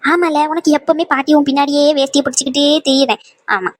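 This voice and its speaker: A woman's voice: sits high, fairly even intonation, fast talker, close to an everyday voice. A woman voicing a wise old grandmother in a cartoon, scolding and advising by turns. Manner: scolding yet soothing, full of advice. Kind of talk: cartoon voice acting.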